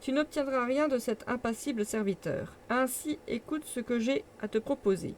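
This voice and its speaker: A woman's voice: a little high, moderate pace, a little hiss or hum, close to an everyday voice. A woman voicing a stubborn older male professor, speaking in a stern, insistent way. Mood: firm.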